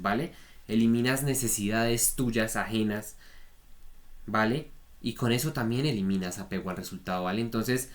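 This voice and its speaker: Guy teaching trading mindset, blunt and repetitive, keeps tossing in check-ins, medium pitch. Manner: frank, repetitive, peppers talk with "¿vale?". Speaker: trading coach. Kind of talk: spoken lesson on trader psychology.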